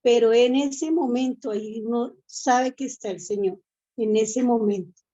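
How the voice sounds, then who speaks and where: A woman's voice: a little high, measured pace, mellow, dull audio. A woman from the congregation giving a casual testimony, chatty and laughing between thoughts. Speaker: congregation member. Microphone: online meeting.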